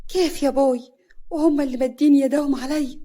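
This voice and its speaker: A woman voicing a tearful, mistreated young wife with an Upper Egyptian accent, high and pleading. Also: normal speed, darkish tone, husky. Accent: Upper Egyptian Arabic.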